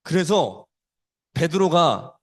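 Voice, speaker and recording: A man preaching a storytelling sermon to children, animated and swinging between loud and soft. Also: a little high, slow pace.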